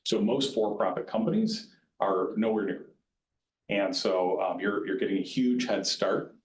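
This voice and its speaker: A man's voice: on the low side, measured pace, slight background noise. A man advising county staff on retirement plans in a plain-spoken, conversational way. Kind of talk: informal educational presentation. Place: county board meeting room. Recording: roomy meeting-room echo.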